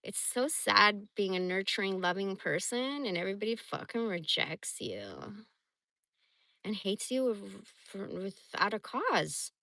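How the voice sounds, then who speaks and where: A woman's voice: mid-range voice, expressive, unhurried, gravelly, sharp tone, no room sound. A woman from the Bay Area telling rambling personal stories on a casual livestream, blunt and profane. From San Francisco Bay Area. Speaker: livestream host.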